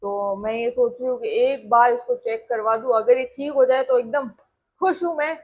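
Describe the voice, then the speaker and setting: Chatty young woman vlogger, husky voice. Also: on the high side, fairly even intonation, normal speed. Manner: chatty, rambling, addresses viewers as guys. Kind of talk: casual chat to camera.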